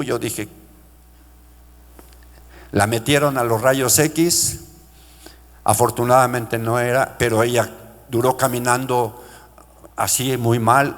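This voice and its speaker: A middle-aged male pastor preaching a sermon with passion, calling out to his congregation and lifting his voice high when he quotes cries for mercy. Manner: impassioned preaching, pitch rising into shouted quotes; addresses congregation as brothers. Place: church sanctuary. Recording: long church-hall reverb.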